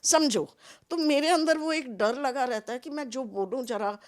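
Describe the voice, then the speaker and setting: A woman's voice: high-pitched, moderate pace. An older woman, mother of a contestant, chatting in an interview and acting out the dialogue of her stories. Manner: chatty, expressive storyteller who acts out quoted dialogue. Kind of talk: casual interview chat mixing Hindi and English.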